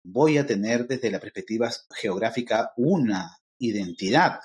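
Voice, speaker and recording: On a podcast, a middle-aged Peruvian guest from Lima, an expert on interculturality, explains his ideas to the host in a lecturing style, frequently saying "este". His mid-range voice is expressive and a little slow, carrying a Peruvian accent.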